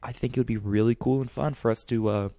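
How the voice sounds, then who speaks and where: A young man co-hosting a casual podcast, rambling and animated, with lots of fillers. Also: mid-range voice, quick pace, gravelly, no echo. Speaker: podcast co-host. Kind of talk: casual chat.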